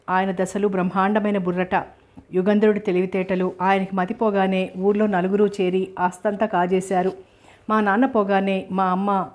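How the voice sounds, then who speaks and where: Talkative young guy, read by a woman, telling his hard past, flat even tone. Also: mid-range voice, close to an everyday voice. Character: young man recounting his family's misfortunes.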